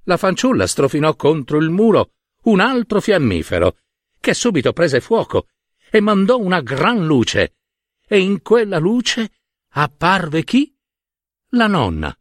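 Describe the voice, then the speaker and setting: Slow, swooping male storyteller. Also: wildly swooping pitch, no echo, studio quality. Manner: dramatic, lingering emphasis, swooping pitch. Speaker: storyteller and podcast host. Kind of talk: expressive storybook narration.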